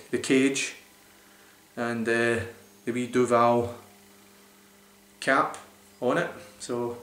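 The recording is very noisy, with a roomy, echoey home sound. A medium-pitched man in his forties rambles enthusiastically, full of fillers, while reviewing a beer to camera in a small room for a casual vlog.

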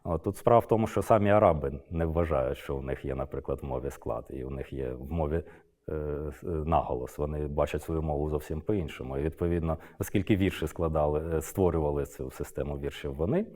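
A man's voice: very deep voice, fast, a little mellow. A middle-aged man giving an unscripted lecture, hesitant, with many filler sounds and restarts. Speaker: Arabist lecturer.

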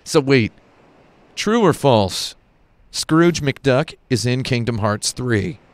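A man's voice: mid-range voice, animated, takes it slowly, no room sound. A man streaming a video game with casual, rambling, slangy commentary full of exaggeration. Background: game music and dialogue.

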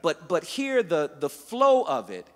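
A man preaching a sermon, teaching verse by verse and building to loud, emphatic passages. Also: on the high side, huge pitch swings, a little slow, long reverb tail. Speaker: guest preacher. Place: church sanctuary.

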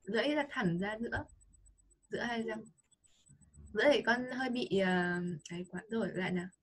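Patiently coaching a child through an online English pronunciation lesson, a Vietnamese-accented woman models sounds over and over. Her voice is a little high and fairly quick.

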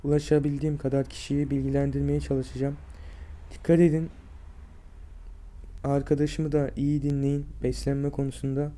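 Give me a sick, drained man in his twenties vlogging about his health, with a very dark, muffled tone and a weak, strained, halting voice. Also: medium pitch, completely flat delivery. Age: 20s. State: sick and drained with fever and aches. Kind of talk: personal health vlog, speaking to viewers.

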